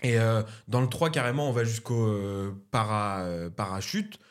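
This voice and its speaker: A man hosting a podcast, chatting casually with a guest in a lively, jokey way. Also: lowish voice. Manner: lively, jokey, quick to laugh. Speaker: podcast host.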